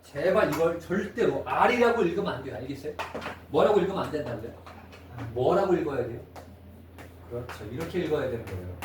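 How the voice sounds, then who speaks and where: Male math teacher, high voice, classroom lecture, echoey room, mic set far off. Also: lively intonation, brisk, noisy background. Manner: asks students constant check-in questions.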